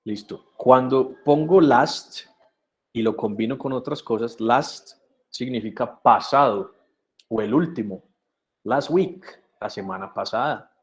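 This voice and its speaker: A man's voice: lowish voice, a little slow. A man teaching English to Spanish speakers in an online class, explaining patiently and switching between English and Spanish. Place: video conference.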